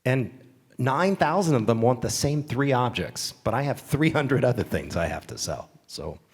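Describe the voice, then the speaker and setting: A man talks as an auctioneer on a symposium stage. His storytelling is lively, and he acts out the bidders he describes. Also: medium pitch, moderate pace, husky. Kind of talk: panel discussion. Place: symposium stage before an audience.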